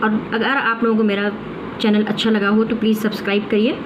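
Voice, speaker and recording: A woman's voice: medium pitch, level tone, brisk. A woman teaching a grammar lesson, explaining step by step and answering her own questions. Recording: muffled with clear background noise.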